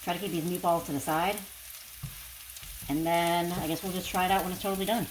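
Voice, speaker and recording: A woman's voice: on the low side, fairly even intonation, brisk, low-quality recording. A woman food vlogger talking casually through what she is cooking. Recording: faint kitchen noise, frying sizzle.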